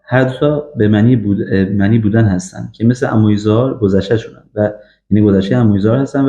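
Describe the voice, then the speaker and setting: A man giving an English grammar lesson, drilling example sentences slowly with frequent fillers. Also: on the low side, warm tone. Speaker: English teacher. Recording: echoey, dull lo-fi room recording.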